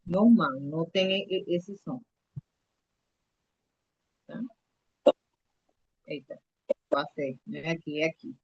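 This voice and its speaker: A woman's voice: sits low, takes it slowly, pauses often, a little mellow, breathy edge, dry recording, lo-fi sound. A woman teaching a live online Spanish lesson to children, patiently repeating letters and coaxing the kids to answer.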